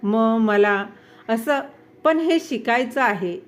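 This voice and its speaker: A woman's voice: sits high, animated, slow pace. A woman voicing a timid middle-aged housewife who stammers and later cries out, in a storybook reading. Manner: hesitant, stammering, then shouting through tears.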